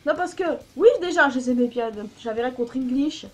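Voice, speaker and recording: A woman's voice: high voice, brisk, faint music behind. A woman giving opinionated, blunt news commentary in a casual vlog, swearing now and then. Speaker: YouTuber.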